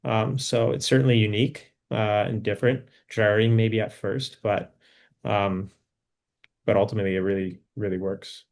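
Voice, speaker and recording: A man who is a filmmaker guest in a casual conversation. He speaks thoughtfully and with hesitation, with many pauses. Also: on the low side, little pitch movement, a little mellow.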